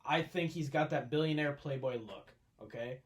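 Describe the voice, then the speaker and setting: A man's voice: a little high, moderate pace. A young man co-hosting a podcast in casual chat, laid-back and often chuckling. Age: young adult. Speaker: podcast co-host.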